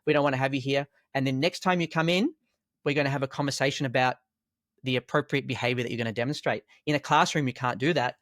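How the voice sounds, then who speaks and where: A man who teaches school and martial arts, explaining classroom discipline in a calm, storytelling way with rhetorical questions. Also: mid-range voice, fast talker, no echo, clean studio sound. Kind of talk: conversational podcast explanation.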